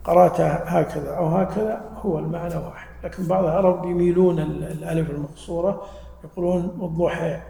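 A man gives a mosque lesson, explaining patiently and testing his listeners with questions. His voice sits a touch high, with a gravelly, mellow grain. The sound rings with the long reverb of a large hall. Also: fairly even intonation, fast. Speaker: religious teacher. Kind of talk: mosque lesson to a live audience.

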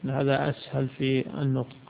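Man, Islamic scholar, teaching a lesson, raspy gravelly voice, thin phone-like sound. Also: medium pitch, monotone, quick pace. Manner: asks questions and answers them himself. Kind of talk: religious lesson explaining a legal text. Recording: tinny phone-like lo-fi recording.

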